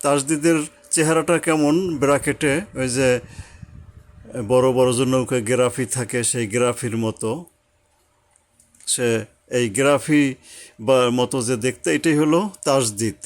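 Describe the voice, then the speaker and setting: A man teaching Quran reading step by step, patiently repeating points and slowly sounding out each syllable. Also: medium pitch, steady tone. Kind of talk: step-by-step recitation lesson.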